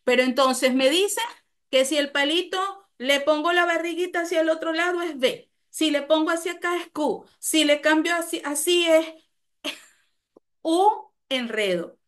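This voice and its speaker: A woman's voice: high voice, steady tone, normal speed, a bit bright. A woman with a Venezuelan accent giving a live online talk, explaining patiently, repeating key phrases and asking her audience questions.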